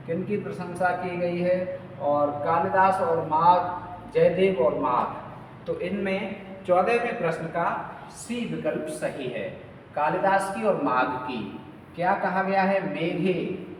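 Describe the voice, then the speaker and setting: A fairly high-pitched male teacher works through exam quiz questions, repeating each key word slowly and checking in often. He sounds distant from the mic. His voice rings with a long room echo over faint background noise. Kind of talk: exam-prep quiz lesson.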